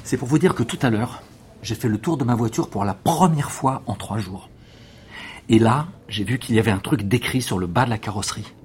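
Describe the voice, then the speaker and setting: A man's voice: medium pitch, fairly quick, breathy edge. An actor playing an eager male witness who insists on explaining everything at length.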